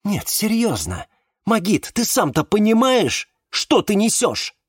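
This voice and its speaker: A man reading a novel aloud, voicing a bitter, sharp-tongued young woman with a raised, biting voice. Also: medium pitch, big pitch swings, normal speed, no echo, clean studio sound, voice pushed up. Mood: scornful. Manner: scornful, biting.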